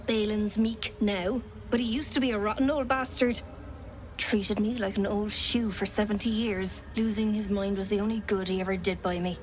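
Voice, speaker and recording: An actress playing a callous, bitter elderly wife in a video game, with a dry, scornful manner. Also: female voice, medium pitch, fairly even intonation, normal speed, slight background noise, close to an everyday voice, low-quality recording.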